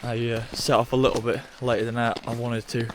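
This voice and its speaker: This vlogger is a young man nursing a cold, so his medium-pitched voice sounds nasal as he talks fairly quickly to camera. His tone is easygoing and offhand, full of "bloody." The recording, made in his car and then in frozen woods, picks up plenty of background noise.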